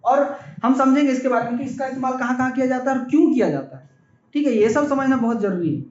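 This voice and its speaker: A man's voice: very high-pitched, fast talker. A man teaching a physics lesson in speech, explaining step by step and often checking in with the class. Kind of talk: classroom lecture. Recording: echoey, dull, faint background noise.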